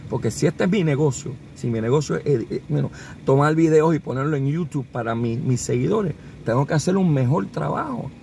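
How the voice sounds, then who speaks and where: A Puerto Rican man with a Puerto Rican Spanish accent talks while he drives, in a fairly high voice, animated and sprinkling in English words. Road and engine noise hum clearly under him in the car. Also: fairly quick. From Puerto Rico. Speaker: vlogger and consultant. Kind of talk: casual advice talk while driving. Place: inside a car on a city street. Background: traffic and car noise.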